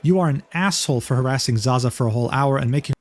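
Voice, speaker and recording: A man narrating a commentary video on online drama, reading out messages in a brisk, wry way. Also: medium pitch, a little mellow, no room sound.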